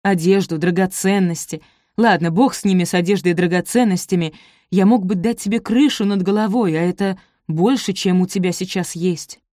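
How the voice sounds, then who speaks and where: A woman reading the part of an arrogant, angry young nobleman, loud and domineering. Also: on the low side, moderate pace, dry recording, studio quality, natural voice.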